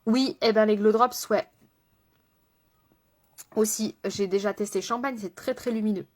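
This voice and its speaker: A woman's voice: medium pitch, steady tone, measured pace. Woman makeup artist yakking away on a live, friendly, giggly, talks to viewers by name. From France. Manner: chatty, laughs often, answers viewers by name. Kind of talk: casual live-stream chat while doing makeup.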